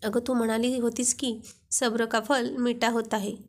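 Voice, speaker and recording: A woman's voice: fairly high pitch, level tone, normal speed, a little mellow, natural voice. A woman voicing a playful young husband who keeps teasing his wife. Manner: teasing, joking.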